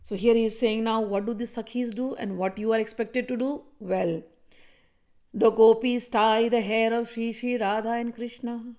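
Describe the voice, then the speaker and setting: A woman's voice: fairly high pitch, steady tone, normal speed, darkish tone. A woman leading a devotional satsang, telling a sacred story vividly and talking directly to her listeners. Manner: vivid storytelling, acts out characters' voices; speaks directly to listeners, conversational asides. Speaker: spiritual teacher leading a satsang.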